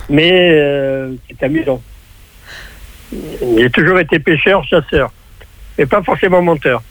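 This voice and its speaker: A man's voice: fairly high pitch, slow, a bit bright, slight background noise. Teasing older man on a phone line. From Italy. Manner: teasing, playful. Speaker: caller, radio guest. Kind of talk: casual phone conversation.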